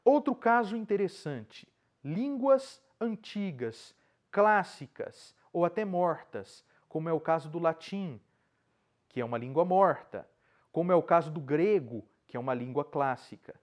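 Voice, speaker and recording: A man's voice: on the high side, darkish tone. A man gives a spoken lecture on poetry. He explains patiently, point by point, and checks in with his listeners as he goes. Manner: explanatory, with frequent checking "né?" and restarts.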